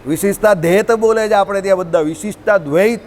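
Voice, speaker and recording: Gujarati man, informal religious teacher, high-pitched, chatty, quizzes his listeners. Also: quick pace, slight background noise. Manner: conversational, asks listeners questions often. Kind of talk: informal scripture talk to a group.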